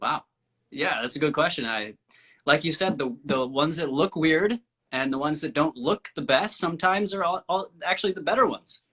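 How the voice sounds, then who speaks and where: A man's voice: on the high side, moderate pace, bright, forceful tone, breathy edge. A man co-hosting a casual chat, explaining things in an easygoing, hesitant way. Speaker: co-host.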